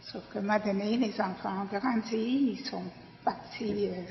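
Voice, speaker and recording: A woman's voice: mid-range voice, steady tone, normal speed. A woman in her sixties from Pakistan, a garden volunteer, giving a personal testimony with many hesitant fillers. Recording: echoey hall, dull lo-fi sound.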